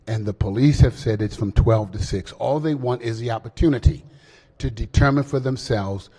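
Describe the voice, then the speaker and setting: A man speaking as senate floor leader, explaining a bill in a halting floor speech with many fillers and restarts. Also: on the low side, dark tone, husky. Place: legislative chamber. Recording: long hall reverb.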